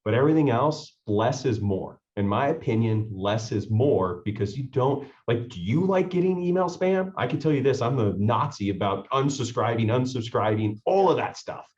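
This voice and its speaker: A man's voice: medium pitch, animated, a little fast, hardly any pauses, a little mellow. A man hosting a podcast, talking in an enthusiastic and rambling way. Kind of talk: casual podcast chat. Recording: dull lo-fi sound.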